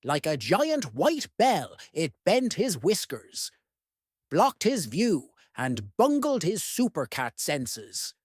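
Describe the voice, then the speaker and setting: A read-aloud host performs a children's picture book with lots of expression, speaking directly to young listeners. The medium-pitched voice swings widely in pitch, moves slowly, and sounds a little mellow and slightly rough. The studio sound is clean with no echo.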